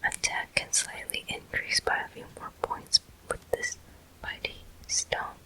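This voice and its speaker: Whispering breathily throughout, this ASMR gaming host keeps things very slow, soft and deliberate. It sounds crisp and very bright, airy hiss replacing any full voice, though the recording is rough.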